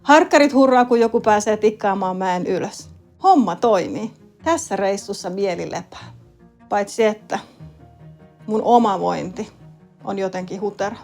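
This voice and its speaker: A woman with a Finnish accent, a lead wilderness guide telling a first-person story in a calm, matter-of-fact way. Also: mid-range voice. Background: soft background music.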